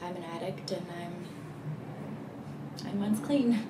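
A young woman acting a dramatic monologue as a grieving, remorseful recovering addict, speaking in a halting, confessional way. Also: on the low side. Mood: subdued, confessional. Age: young adult. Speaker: actor performing a monologue. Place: small plain room indoors. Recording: echoey, noisy room, distant mic.

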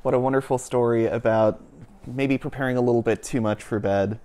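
Seated on a living-room couch with a lapel mic, a young man who serves as a children and families minister reads a picture book aloud. His mid-range voice is steady and brisk, carrying a gentle storybook cadence that softens toward the end.

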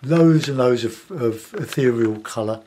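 A man's voice: medium pitch, measured pace, warm tone, a little hiss or hum. Older South London man, murmuring as he paints. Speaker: painting tutor. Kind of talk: casual demonstration commentary while painting. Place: small cluttered home studio, indoors.

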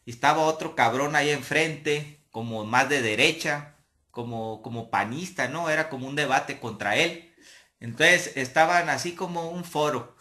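A young man with a Mexican accent tells a story in a loose, casual way, swearing constantly and laughing along. His voice sits a little high and rings very bright and sharp. The storytelling is animated and profane. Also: moderate pace. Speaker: comedian telling an anecdote.

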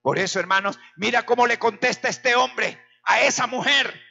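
Hoarse male pastor preaching in a church, bright edgy voice, swings from shouts to hushed bits, muffled lo-fi recording w/ faint hum. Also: normal speed, faint music behind. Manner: impassioned, swinging between loud cries and quiet, low remarks. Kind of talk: sermon.

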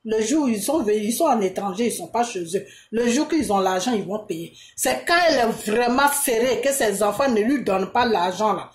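A woman's voice: a little high, expressive, brisk, hardly any pauses. An Ivorian woman with an Ivorian French accent giving an impassioned monologue to her viewers, emphatic and full of repeated rhetorical questions. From Côte d'Ivoire. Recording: echoey room.

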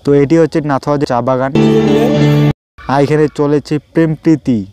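A travel vlogger from West Bengal, India, narrates briskly in a slightly high, steady voice while loud music plays behind him. His improvised, loose phrasing repeats itself as he points out roads and places.

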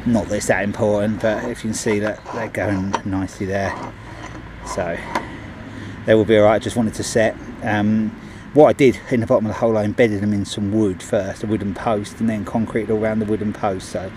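Speaking a little fast with flat delivery and a lowish voice, a middle-aged handyman chats his way through finished work at a driveway gate. His casual narration has many ums and restarts. It's captured on a body-worn action camera amid background noise.

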